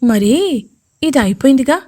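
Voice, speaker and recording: A woman's voice: high voice, expressive, measured pace, dark tone. A woman voicing a playful young female CEO in a romantic audio story, coaxing and mock-jealous.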